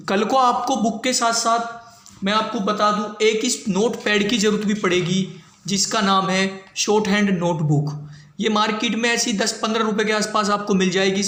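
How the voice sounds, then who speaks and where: A man's voice: sits high, fairly bright tone. A man teaching a shorthand class in a casual, patient way, repeating each step and often checking that his students follow. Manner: repeats points, keeps asking if it is clear. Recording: echoey room with faint ambient noise.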